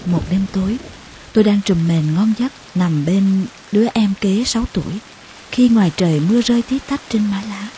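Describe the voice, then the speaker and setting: A woman narrating a memoir audiobook in a slow, soft, emotional way, with passages dropping to a hush. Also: mid-range voice, noisy background.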